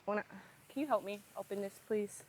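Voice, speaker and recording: A woman's voice: mid-range voice, fairly quick, heavy background noise. A woman hosting her own podcast, talking casually and animatedly to her listeners, with playful asides to her team. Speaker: podcast host. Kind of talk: casual solo podcast chat.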